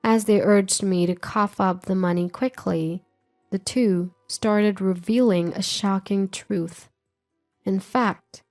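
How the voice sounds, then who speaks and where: A middle-aged woman telling a scripted first-person story in a calm, measured, somber way. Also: mid-range voice.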